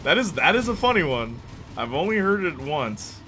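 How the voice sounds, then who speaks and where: A man streams a game, chatting and joking with viewers and laughing often. His fairly high voice swings widely in pitch, moving at a moderate pace with a sharp tone, and the recording carries noisy background hiss.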